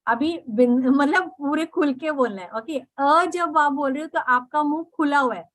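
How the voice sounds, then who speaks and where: Woman, meditation teacher, high voice, slow and gentle delivery, dry close sound. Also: no room sound, poor audio. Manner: unhurried, repeats "okay" often, mixes in English words. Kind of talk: guided meditation instruction.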